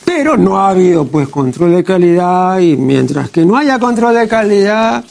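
A man hosting a TV program, talking through errors in a translation in a deliberate, pedantic way, often tagging his sentences with a questioning "no?". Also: high voice, sing-song, gravelly, darkish tone. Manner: deliberate and pedantic, with frequent "¿no?" and "pues". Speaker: TV program host. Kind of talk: studio commentary critiquing a translation. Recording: TV program audio.

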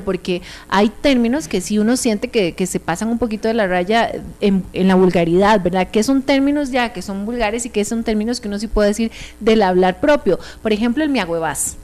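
A Costa Rican woman on a radio panel, asking curious questions with quick affirmations. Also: a little high, a little mellow. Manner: inquisitive, quick backchannels.

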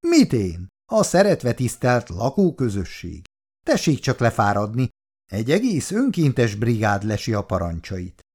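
An actor playing an eager, ceremonious young neighbor in a 1960s radio drama, speaking with formal politeness. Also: male voice, medium pitch, wildly swooping pitch, a little mellow. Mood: proud. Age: young adult.

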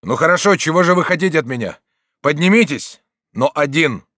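A man voicing a defiant, wounded young male nobleman who shouts at his attackers in an audiobook. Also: medium pitch, animated, moderate pace, no room sound, clean studio sound, voice pushed up, natural voice. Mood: proud.

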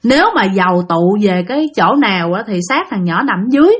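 A woman's voice: mid-range voice, lively intonation, a little fast, husky. A woman telling a ghost story in a chatty way, often turning to speak to her listeners directly. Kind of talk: casual ghost-story narration.

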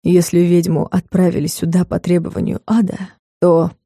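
A woman's voice: monotone, normal speed, mellow, dry recording, studio quality. A woman voicing a scheming, pompous male lord of hell in a storybook reading. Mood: smug. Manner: mocking, turns shrill and panicky.

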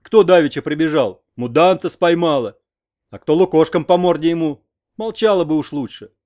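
A man voicing a gruff, stubborn old grandfather who growls and barks at the women. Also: fairly high pitch, moderate pace, a little mellow, voice pushed up, close to an everyday voice. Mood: taunting.

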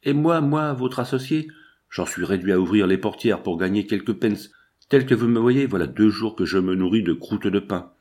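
A man voicing a shabby, suspicious male accomplice who is quick to anger and hurls indignant accusations in a storybook reading. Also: on the low side, lively intonation, a little mellow, natural voice. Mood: furious.

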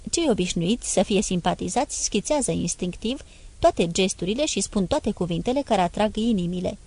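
A woman giving a measured, expressive first-person reading as the narrator of a literary audiobook. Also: medium pitch.

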